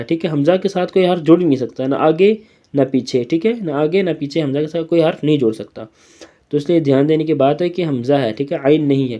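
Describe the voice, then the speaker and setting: A man teaching children to read the Quran, spelling out letters, drawing out syllables slowly and checking in often with a patient question. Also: a little high, warm tone, muffled recording. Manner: patient, repeats "okay?" often, drawls syllables when reciting. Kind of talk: slow recitation lesson for children.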